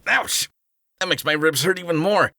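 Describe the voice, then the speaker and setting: Bright, bouncy Sonic the Hedgehog. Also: male voice, a little high, normal speed, vocal fry, no echo, clean studio sound. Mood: pained, exclaiming. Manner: breezy, peppy, exclaiming. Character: cocky, upbeat teen hedgehog hero, friendly, slangy. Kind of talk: audio drama voice acting.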